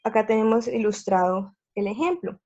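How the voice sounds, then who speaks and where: A woman with a slightly high voice walks through grammar rules as a patient teacher, going step by step and checking that her viewers follow. The sound is dull and lo-fi. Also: normal speed, warm tone. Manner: patient, repeats steps, checks in with "¿sí?" and "listo". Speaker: English teacher. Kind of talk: slide lesson explaining grammar.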